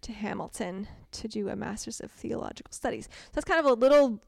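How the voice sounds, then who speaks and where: A young woman guest, chatty and quick to laugh, telling her life story in a casual interview. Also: fairly high pitch, lively intonation, vocal fry, darkish tone, no room sound, studio quality. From grew up in Morocco and Ontario. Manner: chatty, laughs easily, many ums. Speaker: podcast guest, artist.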